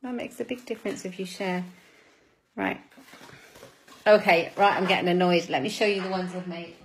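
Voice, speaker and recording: A woman with a lowish voice and fairly steady intonation speaks at a moderate pace, caught on a low-quality recording with slight background noise. She's doing a live craft demonstration, chatting with viewers and greeting them by name as she works. She laughs at her own fumbles along the way.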